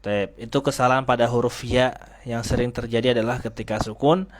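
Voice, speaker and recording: A man's voice: mid-range voice, steady tone, brisk. A man teaching Quran recitation, sounding out Arabic letters and asking his students questions. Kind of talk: tajwid lesson. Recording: faint noise with clicks.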